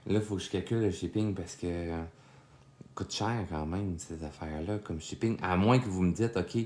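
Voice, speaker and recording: A young man with a Québécois French accent teaches a live drawing lesson from his home studio, chatting casually with viewers and filling his talk with fillers and asides. His voice is deep and darkish, at normal speed, with a roomy sound.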